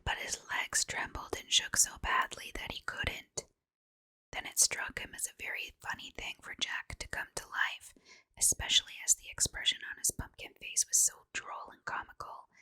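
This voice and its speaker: A woman's voice: moderate pace, bright, forceful tone. A woman reads a children's storybook under her breath in an ASMR style, in an unvoiced whisper.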